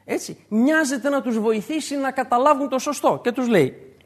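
A man preaching a sermon to his congregation, emphatic and repeating his key points. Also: extremely high pitch.

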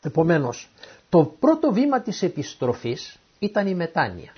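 Reading scripture verses aloud and then retelling them in everyday language, this preacher has an extremely high, husky voice. He delivers the sermon on a Bible passage with animation, acting out the people he quotes. The audio is dull and lo-fi.

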